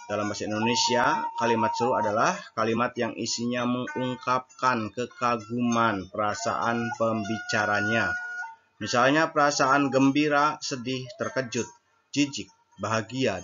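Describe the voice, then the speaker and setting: Patient male teacher over loud music. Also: mid-range voice, dull audio. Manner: explains patiently, translating each point between two languages. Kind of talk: recorded grammar lesson.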